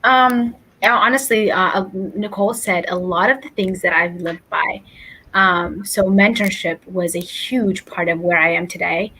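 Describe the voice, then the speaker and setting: A woman's voice: medium pitch, a little slow, pushed and bright, breathy edge. A young woman from Ethiopia speaks as a talk show guest in a mid-range voice. She answers the host's questions earnestly and reflects on each point as she goes, heard over a video call. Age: young adult. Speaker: guest, incoming college student. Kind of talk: interview answers.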